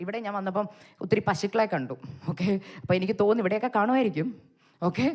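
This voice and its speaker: A young Malayali woman preacher giving a testimony sermon, telling her story with animated storytelling and acting out the dialogue. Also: fairly low pitch. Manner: animated storytelling, acts out her own cries and the Lord's words.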